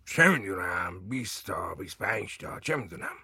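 An actor playing an eccentric unhinged man who mocks his interrogator and parrots questions back, defiant and husky. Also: low voice, expressive, pushed and bright, dry recording, studio quality, full character voice. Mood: rambling.

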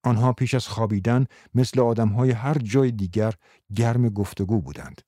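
A man reading a story aloud in a measured storytelling manner. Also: medium pitch, warm tone, no room sound, clean studio sound. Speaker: audiobook narrator.

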